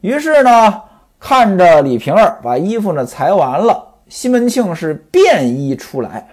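A man's voice: high voice, very animated, a little slow, darkish tone, husky. A man telling a classic tale in traditional storytelling style, chatty and stopping to explain old customs to his listeners.

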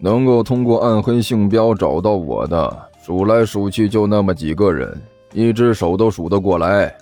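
A man's voice: lowish voice, expressive, moderate pace, dark tone, soft background music, voice pushed down. A man voicing a lazy, boastful male demon king who talks down to his servant. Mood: irritated. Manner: drawling, dismissive.

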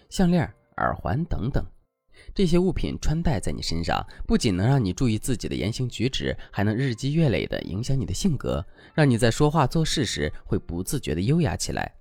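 Lively low-voiced man giving advice. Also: creaky, dry recording. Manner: instructive, advice-giving delivery. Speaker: dating advice instructor. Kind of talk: scripted instructional narration.

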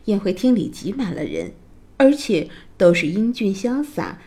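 A woman narrating a children's fairy tale in a slow, expressive storytelling voice. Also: medium pitch.

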